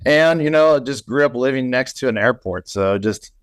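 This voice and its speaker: A man, an audio engineer chatting as an interview guest in a relaxed, rambling way. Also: mid-range voice, moderate pace, smooth, dry recording, clean studio sound. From Indiana. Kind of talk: casual interview chat.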